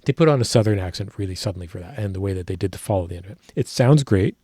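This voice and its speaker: Male musician reacting to a track, husky and lowish, dry close sound, rambling, technical, self-correcting. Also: animated, rapid-fire, mellow, no echo. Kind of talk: casual music analysis.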